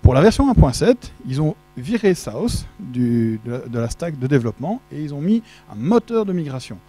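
Soft music plays behind a middle-aged man speaking French at a laid-back tech conference, handheld mic in hand, inside a large dark auditorium with a projection screen. His voice is a little high and dark in tone, very animated at a moderate pace, as he jokes around and quizzes listeners.

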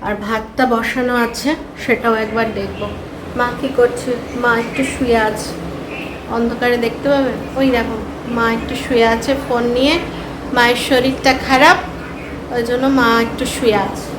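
A woman's voice: fairly high pitch, level tone, a little slow, background noise. A woman in her thirties with a Bengali accent, chatting casually to viewers while doing chores at home. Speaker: vlogger, mother. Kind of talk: casual home vlog narration. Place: home, kitchen and rooms.

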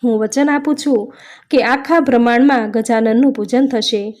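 A stern, commanding male god, wrathful and reproachful, as a woman reading the tale puts him on. The voice sits rather high and stays close to the storyteller's own plain delivery. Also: steady tone, moderate pace, a little mellow, natural voice. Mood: solemn.

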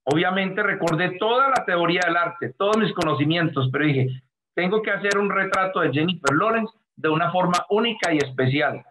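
A Colombian man with a high voice appears as an artist guest in a video call interview, speaking through a webcam from a room at home. He talks fairly quickly, earnestly and effusively, in long flowing sentences, over a noisy call.

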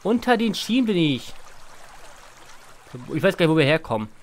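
A man's voice: high voice, very animated, moderate pace, a little hiss or hum. Playful man doing game commentary. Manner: playful, reads game text aloud and jokes. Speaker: let's play host. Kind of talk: casual gameplay commentary. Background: faint game music.

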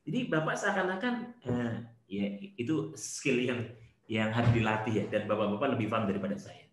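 A man giving an online Islamic study lecture over a video call, animated, with rhetorical questions and playful asides. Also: mid-range voice, brisk, roomy sound, a little hiss or hum.

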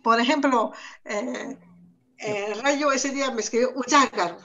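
A woman from the Sierra Norte of Oaxaca with a somewhat high voice, talking as a language teacher. She explains step by step in an easy conversation, pauses on fillers and repeats words as she thinks. It sounds like a relaxed talk between colleagues. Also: highs cut off. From Sierra Norte of Oaxaca, Mexico. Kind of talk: conversational discussion.

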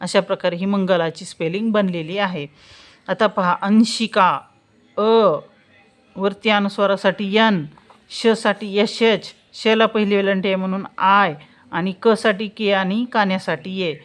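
A woman teaching spelling step by step, saying example words slowly and answering her own questions. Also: medium pitch, steady tone. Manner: slow, drawn-out pronunciation of example words, asks questions and answers them herself. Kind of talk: spelling lesson, explaining step by step.

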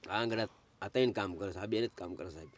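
A man's voice: on the low side, fast talker, a little hiss or hum. A middle-aged man, crying and pleading, telling of his hardship and calling the interviewer sir again and again. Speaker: interviewee, father in need. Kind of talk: emotional conversation.

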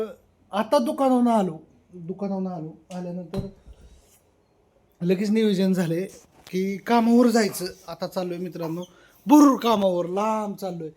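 A man's voice: high-pitched, mellow. A young man, chatting casually to his phone camera in a rambling, filler-heavy vlog. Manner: chatty, loose rambling delivery with frequent fillers. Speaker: vlogger.

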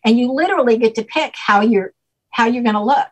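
A brisk, slightly rough voice on the high side comes from an older woman interviewed as an expert via video call at home. Patient and teacherly, she explains at length and keeps checking in with "okay?", all through poor audio.

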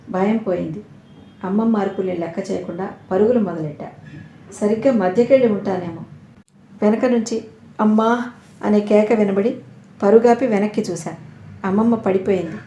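A woman storyteller reading a first-person audio story in a soft, reflective way, in a roomy echoing recording. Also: medium pitch, slight background noise. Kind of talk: scripted audio-story narration. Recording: roomy echo.

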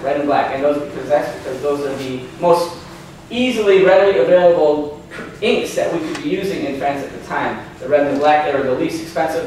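Man in his 30s, casual seminar presenter, slightly high voice, heard from a distance in a reverberant meeting room. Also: a little hiss or hum. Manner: chatty, many ums and restarts, asks audience questions. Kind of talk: informal lecture with slides. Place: hotel meeting room, indoors. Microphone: far camera, no handheld mic. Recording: echoey room from far off.

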